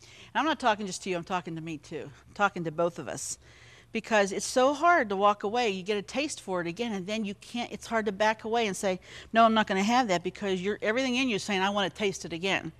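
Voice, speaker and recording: A woman's voice: medium pitch, quick pace, a bit bright. A woman hosts a television cooking demonstration from a studio kitchen. She talks right to the viewer in a chatty, encouraging way. She explains every step as she goes. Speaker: cooking show host.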